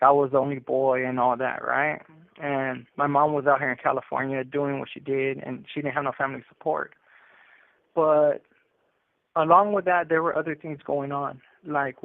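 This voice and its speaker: Heard through a prison phone handset on a tinny, narrow line, this man's slightly high voice is creaky, with no echo. He tells the story of his life earnestly and conversationally, often adding "you know" and "right."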